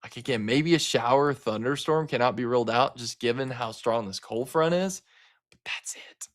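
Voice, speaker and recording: A man from Arkansas hosts a live severe-weather stream. His delivery is casual and chatty, full of fillers and asides to his viewers. His voice sits at an ordinary middle pitch. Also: moderate pace. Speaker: livestream weather host.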